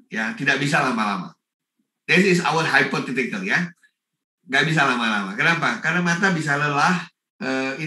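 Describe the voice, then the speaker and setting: A man from Indonesia giving a lively talk at an online forum, mixing in English phrases and greeting listeners by name. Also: mid-range voice, roomy sound, recorded from a distance. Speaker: forum speaker.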